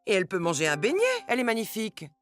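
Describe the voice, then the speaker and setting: A woman's voice: medium pitch, animated, a bit bright, faint music behind, natural voice. Woman voicing a sassy puppet sidekick. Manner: sassy, quick retorts. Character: cheeky, sharp-tongued female puppet sidekick. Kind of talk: educational puppet show.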